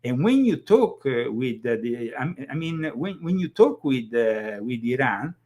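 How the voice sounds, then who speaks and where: Man, host, casual political chat, mid-range voice, halting, lots of fillers. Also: mid-range voice, big pitch swings, a little mellow. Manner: halting, many fillers and repeated words.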